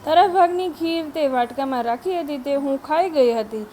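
A woman voicing a kindly, motherly female cobra spirit in a folk tale, speaking softly and comfortingly. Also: high voice, moderate pace, a little hiss or hum, close to an everyday voice.

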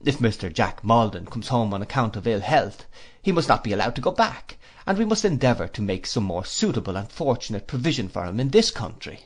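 A man's voice: medium pitch, big pitch swings, moderate pace, voice pushed up. A man reading an audiobook, voicing a kindly, cheerful older male schoolmaster. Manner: cheerful, warm-hearted.

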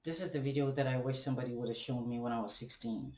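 Sitting in a bare-walled room at home under a ceiling fan, a young Ghanaian man vlogs to a distant webcam, his medium-pitched, darkish voice carrying a Ghanaian accent. His reflective monologue is slow and halting, peppered with rhetorical questions and "right?", and the room echoes.

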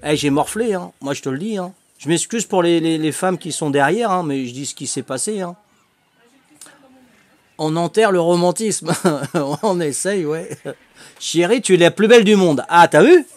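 An older man talks casually to his stream chat as he plays. His voice sits a little high for a man. He is jovial and chatty, laughs often and keeps dropping little fillers. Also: animated, moderate pace, dry recording. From Corsica. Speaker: livestreaming gamer. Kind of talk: casual livestream chat with viewers.

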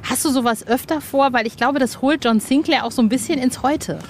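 Her voice sits high and moves a little fast. She's a podcast host interviewing an author on an outdoor roof terrace, chatty and casual, enthusiastic to the point of gushing, and often self-correcting. Terrace ambient noise fills the background.

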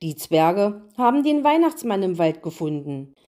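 A woman voicing a whiny, ever-freezing male snowman in a storybook reading, with a high wailing voice. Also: very animated, unhurried, mellow.

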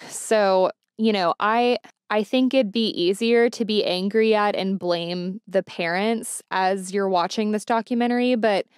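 A woman hosts a mystery podcast and talks through a true-crime case in a relaxed, conversational way. She fills her sentences with "like" and "you know" and speaks straight to her listeners. Her voice sits at an ordinary middle pitch and sounds dry, with no room echo. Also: clear, resonant tone. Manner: chatty, frequent "like" and "you know" fillers; conversational, addresses listeners directly. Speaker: podcast host. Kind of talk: casual true-crime storytelling.

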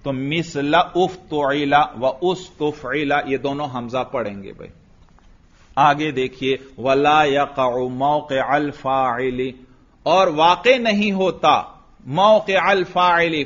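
A man's voice: fairly high pitch, a bit bright, dull audio. A man from Pakistan with a Pakistani Urdu accent, giving a classroom lecture on Arabic grammar, reciting Arabic terms and asking his students questions. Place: religious school classroom.

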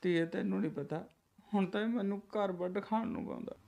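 A man's voice: high-pitched, a little fast, gravelly, a little mellow, muffled recording. A man playing a tearful old village father who complains that his family mistreats him. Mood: complaining. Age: older. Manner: complaining, weepy.

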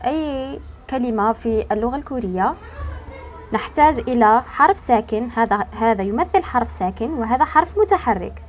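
A woman teaching an online language lesson, explaining slowly and patiently, stretching key words and pausing to think. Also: a little high, a little hiss or hum.

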